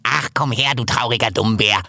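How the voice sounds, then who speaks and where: A man's voice: fairly high pitch, big pitch swings, normal speed, bright, forceful tone, breathy edge, no echo, clean studio sound, voice pushed up, full character voice. A man voicing a cheeky, joking little male forest animal in a storybook. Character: cheeky small male forest animal who climbs trees.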